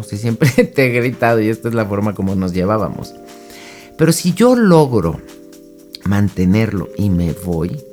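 A woman's voice: a bass voice, a little mellow. A woman giving casual advice on personal boundaries, speaking straight to the listener and acting out short quoted lines. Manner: acts out little quoted lines in passing.

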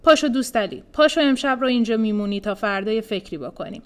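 A woman's voice: on the high side, expressive, lightly acted. Woman reading as a strict old uncle barking orders. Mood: stern. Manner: stern commanding. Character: bossy elder uncle of the family.

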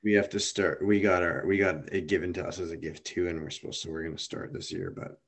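A man in a casual podcast chat, thinking aloud in halting sentences with many fillers. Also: low voice, fairly even intonation, creaky, husky. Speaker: podcast co-host.

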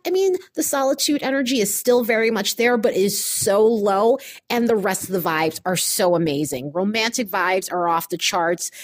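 Chatty woman on a dictaphone-style phone recording. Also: mid-range voice. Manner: chatty, upbeat, informal. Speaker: astrology video host. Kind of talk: casual astrology forecast monologue. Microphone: phone voice recorder app.

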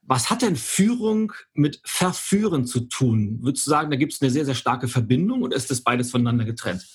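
Male interview host, mid-pitched, very husky, informal, encouraging, conversational. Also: lively intonation, fairly quick.

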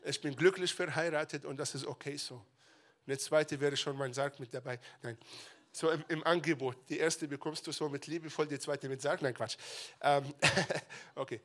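A man preaching a sermon, dramatic, rising to near-shouted retellings and dropping to quiet asides, slipping English phrases into his German. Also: on the high side, steady tone, normal speed.

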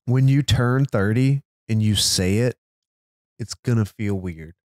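A man's voice: fairly low pitch, a little slow, a little mellow, no echo, clean studio sound. A man in his fifties co-hosting a casual podcast, joking and teasing the others. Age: 50s. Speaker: podcast co-host.

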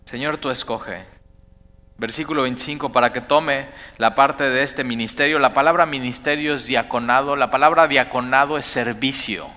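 Animated preacher in a reverberant hall. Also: male voice, mid-range voice, moderate pace, few pauses. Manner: animated, rising to emphatic bursts then dropping to quiet asides. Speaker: pastor. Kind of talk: sermon.

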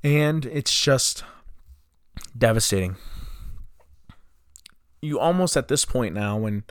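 A man's voice: medium pitch, lively intonation, slow, clear, resonant tone, no room sound. Impassioned young man ranting, dry close mic. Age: 20s. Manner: impassioned, frustrated, rhetorical questions. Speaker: podcast host. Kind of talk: solo podcast monologue.

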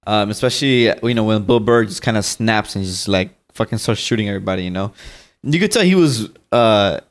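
A man's voice: fairly low pitch, lively intonation, a little fast. A man in casual chat as a co-host, laid-back and agreeable, mostly giving short replies. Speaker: podcast co-host.

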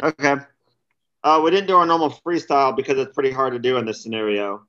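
A man's voice: medium pitch, steady tone, fast, a bit bright. A man co-hosting a casual podcast, talking loosely and rambling. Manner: loose, rambling, with restarts and laughs. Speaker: podcast co-host. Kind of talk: casual chat. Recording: dull lo-fi sound.

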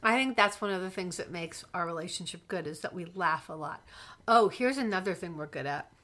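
A woman's voice: fairly low pitch, fairly quick, a bit bright. A young woman co-hosting a podcast with her partner, chatting playfully and giggling while chewing gum. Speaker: podcast co-host. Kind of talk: casual couple chat.

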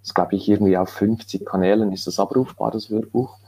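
A man, an author telling his story in a relaxed interview, rambling with many fillers and restarts. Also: on the low side, a little fast, gravelly, slightly rough. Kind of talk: casual conversational interview.

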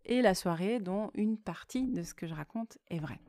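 A woman hosting a podcast, reading her own creative writing and commenting on it in a soft, partly whispered way, with hesitant conversational asides. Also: medium pitch, expressive, normal speed, no echo, clean studio sound. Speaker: podcast host and author.

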